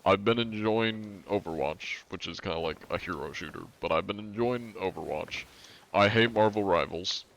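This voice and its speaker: Gravelly and low with a fairly bright tone, this man talks at a normal pace. In his twenties and from the northern US, he's live-streaming a game, reading chat aloud and rambling through casual, filler-heavy talk.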